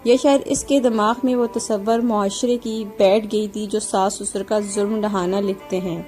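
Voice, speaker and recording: Woman storyteller, calm scripted narration, mellow voice, faint background music. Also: mid-range voice.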